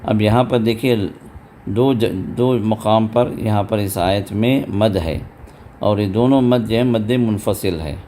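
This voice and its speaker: Male recitation teacher, low pitch, patient step-by-step explainer who chants the examples slowly. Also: dark tone, slight background noise. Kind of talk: tajweed lesson with recited examples.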